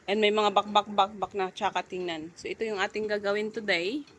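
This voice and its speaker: A woman's voice: mid-range voice, fairly even intonation, a little fast, a bit bright. A woman, a mother vlogging casually at home, chatting while she tidies and mixing Tagalog with English.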